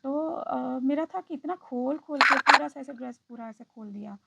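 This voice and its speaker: A woman's voice: high-pitched, moderate pace, creaky, sharp tone, breathy edge, no room sound, low-quality recording. A woman vlogger telling a personal story in a reflective, hesitant way, often slipping into English phrases.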